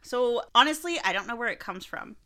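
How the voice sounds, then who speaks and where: A young woman co-hosting a casual snacking podcast, giggly and animated, telling a legend. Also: a little high, fairly quick. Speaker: podcast co-host. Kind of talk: casual chat and storytelling.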